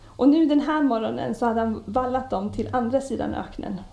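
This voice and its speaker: Female preacher, conversational sermon with hesitations, mellow tone, roomy echo. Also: fairly high pitch, gravelly. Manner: warm conversational storytelling with frequent hesitations. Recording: echoey room.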